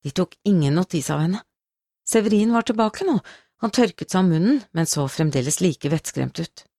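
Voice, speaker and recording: A woman narrates a novel as an audiobook, reading the script in a steady, measured storytelling manner. Her voice sits on the low side, in a dry, studio-quality recording.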